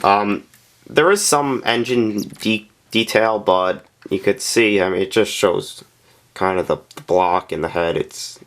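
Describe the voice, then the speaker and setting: A man with a deep, low-pitched voice walks through a scale model in a casual review. He speaks plainly and candidly, stopping often to fill gaps with small hesitations as he points things out. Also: fairly bright tone. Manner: hesitant and unscripted, frequent "um" and "uh" pauses. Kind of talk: casual product review narration.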